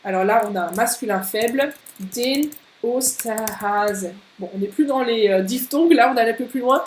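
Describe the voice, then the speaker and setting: A woman teaching German in a live online lesson, saying German words slowly and clearly and reading out viewers' comments. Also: a little high, reverberant, a little hiss or hum, rough recording. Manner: switches between French and slow, clearly spoken German, reading viewers' comments.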